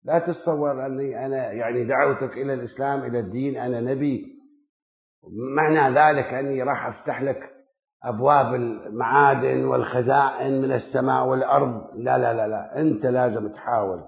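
A man delivers a sermon, building emphatic lists of words that climb and then sink low. The sound is thin and phone-like. It rings with a roomy echo. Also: fairly even intonation, a little fast, vocal fry. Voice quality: emphatic, rhythmic listing of words, rising then dropping low. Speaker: preacher. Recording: echoey, phone-like lo-fi recording.

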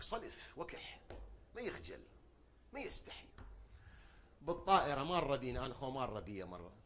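Man preaching with loud emphatic swings. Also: slight background noise. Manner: swings from loud emphatic outbursts to low murmurs; rhetorical questions and repetition. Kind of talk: sermon.

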